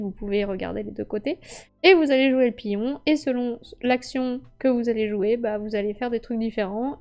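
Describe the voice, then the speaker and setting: A woman's voice: a little high, darkish tone. A woman streamer chatting casually about her favorite board games, bubbly and laughing often as she acts out little scenes. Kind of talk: casual live-stream game review. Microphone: streaming microphone.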